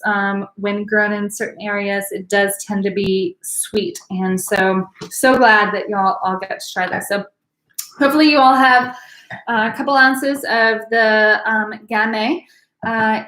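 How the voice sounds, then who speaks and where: A woman's voice: on the high side, a bit bright, roomy sound, rough recording. A woman teaching a live online wine class, chatty and bubbly, with many fillers. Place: home room, live video class.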